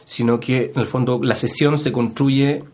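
A man's voice: mid-range voice, steady tone, moderate pace, a little mellow. Chilean man explaining with many fillers. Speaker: historian guest. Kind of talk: radio interview. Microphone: studio microphone.

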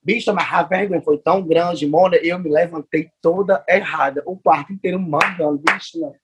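A man's voice: fairly high pitch, fairly even intonation, fairly quick, slightly rough. A man with a Northeastern Brazilian accent telling a dramatic, slangy story in a casual chat. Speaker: guest.

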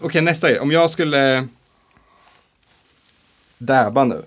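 A man's voice: medium pitch, a bit bright. A man in casual chat, co-hosting a podcast and laying out a playful theory with mock seriousness.

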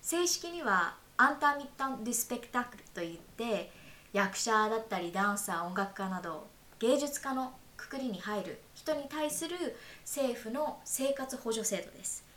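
A woman's voice: on the high side, animated, moderate pace, a bit bright. A woman hosting an interview podcast, politely asking questions and explaining a topic in an aside. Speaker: podcast host. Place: room in Paris. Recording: echoey room, faint hiss.

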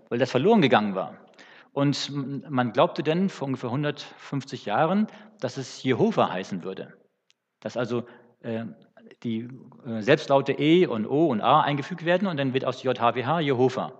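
Husky-voiced man preaching in a reverberant church. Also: mid-range voice, expressive. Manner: unscripted, halting with fillers and restarts. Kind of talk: teaching sermon. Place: church hall. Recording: dull sound with long church reverb.

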